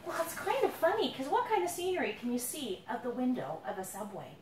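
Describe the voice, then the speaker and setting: The children's author reads her own story in a high, swooping voice, playful and dramatic, with long stretched words leading into build-ups. She directs questions at a young listener, and the audio is roomy and far off, with a bit of faint noise.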